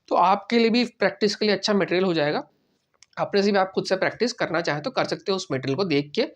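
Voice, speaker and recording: A male teacher talks through a language lesson in an easygoing, conversational way. He goes step by step, says sample phrases slowly and more than once, and keeps checking that the listener is following. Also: sits high. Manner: explains step by step, often asks "right?" and repeats phrases slowly. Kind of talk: casual spoken lesson.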